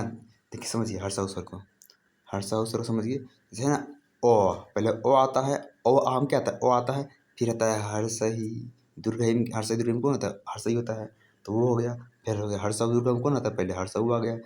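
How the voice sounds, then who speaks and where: A man's voice: fairly low pitch, darkish tone. A man teaching Hindi grammar in a casual classroom style, repeating points and asking and answering his own questions. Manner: casual, addresses listeners as brother. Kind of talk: informal classroom-style explanation.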